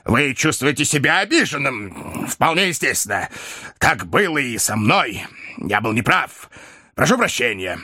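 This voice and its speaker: Man doing a gruff-looking gent who's actually soft, clipped little sentences, bright lively voice. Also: medium pitch, unhurried, no echo, studio quality, voice pushed up, exaggerated voice. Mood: earnest. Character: fierce-looking gentleman turned eager to make peace. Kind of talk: audiobook character reading.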